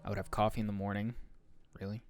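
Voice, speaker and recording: A man's voice: lowish voice, little pitch movement, fast, slight background noise. A young man hosting a solo podcast, rambling loosely through a casual monologue, swearing often and correcting himself as he goes. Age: young adult. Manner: rambling, loose and profane, with many fillers and self-corrections. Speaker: podcast host.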